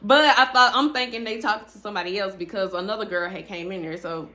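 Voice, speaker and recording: A woman's voice: medium pitch, fast. A young woman, casually telling a personal story to her viewers, chatty and full of fillers. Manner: chatty, animated, lots of fillers and restarts.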